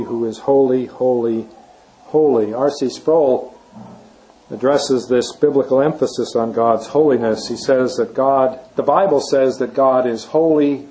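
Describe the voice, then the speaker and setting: A man giving a measured theology lecture, reading scripture passages aloud and sometimes correcting himself mid-word. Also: mid-range voice, dark tone, low-quality recording. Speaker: bible teacher.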